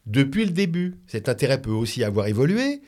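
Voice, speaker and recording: A man's voice: mid-range voice, big pitch swings, darkish tone. A man born in France, a radio guest who talks reflectively and often restarts his sentences. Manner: reflective, halting with many restarts. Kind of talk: conversational radio talk.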